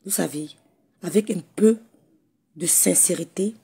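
Hoarse woman chatting live. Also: on the low side, measured pace, mellow. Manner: chatty, greets viewers by name, affectionate and teasing. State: hoarse, croaky voice. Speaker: live streamer. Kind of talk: casual live stream chat. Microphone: phone.

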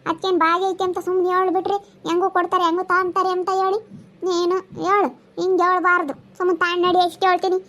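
Woman doing a shrill, nagging village woman. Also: little pitch movement, a bit bright. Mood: scolding. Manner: nagging, rapid-fire scolding. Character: loud, scolding village woman haggling over vegetables. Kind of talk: comedy sketch acting.

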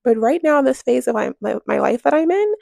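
A woman's voice: high-pitched, lively intonation, brisk, creaky, darkish tone, no room sound. A young woman in casual voice-over chat about her home and money, candid and emphatic, often firing off rhetorical questions. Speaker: home vlogger. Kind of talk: voice-over chat while cleaning.

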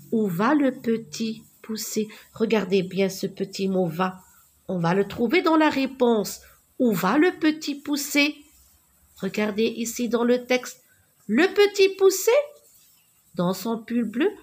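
Give me a woman teaching young children to read, slow and patient, with a fairly high voice. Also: animated. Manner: slow, careful, repeats words and sounds letters out. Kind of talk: reading lesson for young children.

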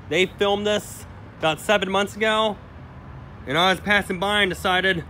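A man with a slightly higher voice chats to his viewers as he films a walk around a building. He narrates casually and breaks into frequent exclamations. The handheld phone recording is outdoors, with clear traffic and street noise behind him. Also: bright, forceful tone. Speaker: vlogger exploring abandoned places. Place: outdoors around an abandoned restaurant and its parking lot.

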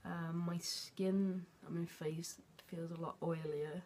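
A young man recording a casual video diary at home, halting and hesitant, often trailing off into a near-whisper at the ends of his phrases. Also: a little high, level tone, mellow. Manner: hesitant, halting, with many fillers and restarts. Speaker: vlogger. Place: at home, indoors.

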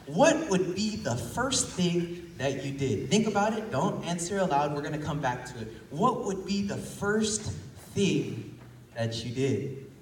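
In a small church hall, a young man with an illness-roughened voice gives a laid-back sermon to his congregation, speaking a little high and a little slow, lifting his voice for emphasis. Someone in the pews recorded it on a phone, leaving it echoey and far away with a bit of hiss or hum.

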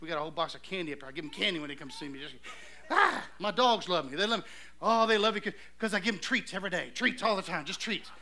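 A pastor preaches a storytelling sermon in a church sanctuary, talking fast in a high, animated voice that's bright and forceful. He's exclamatory and punctuates his points with calls of amen.

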